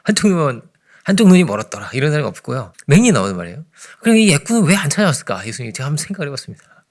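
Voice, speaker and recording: A man preaching an early morning sermon in a conversational way, often checking in with the congregation and swinging between loud emphasis and hushed asides. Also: on the high side, big pitch swings, rapid-fire. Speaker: pastor.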